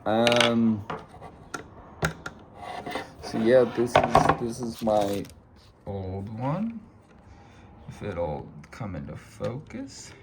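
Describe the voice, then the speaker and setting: An American man in a casual DIY car repair vlog, muttering low and sighing as he works on a stuck part. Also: big pitch swings, drawn-out words, long pauses, very noisy. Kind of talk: casual chat while working.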